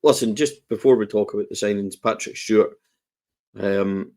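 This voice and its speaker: A Scottish man with a somewhat low voice chats casually about football. He is coughing through a lingering cold. He talks in a loose, rambling way with self-deprecating asides. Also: moderate pace, mellow. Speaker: podcast co-host.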